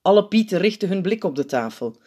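Woman reading a kids book aloud, lively expressive storytelling. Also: on the low side, fast, breathy edge. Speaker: narrator. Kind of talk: audiobook narration.

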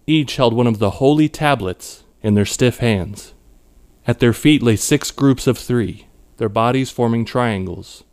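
A man reading his own short story aloud in a measured, even storytelling manner. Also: medium pitch, smooth. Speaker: author narrating his story. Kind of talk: scripted narration.

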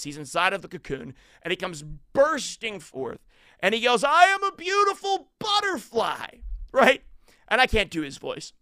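High, bright-voiced preacher man, animated. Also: no echo, clean studio sound. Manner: animated, acts out quoted voices loudly. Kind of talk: sermon.

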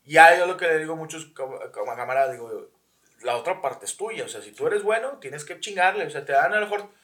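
Man, comedian guest, slangy, higher voice. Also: expressive, brisk, fairly bright tone. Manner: slangy, agreeing often with short replies. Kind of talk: casual chat.

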